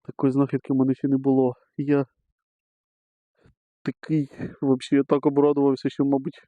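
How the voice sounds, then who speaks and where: Mellow and monotone, this middle-aged man's mid-range voice moves a little fast as he metal detects outdoors on a meadow. He films himself digging and chats casually with viewers he calls friends. The dry recording is slightly dull and lo-fi.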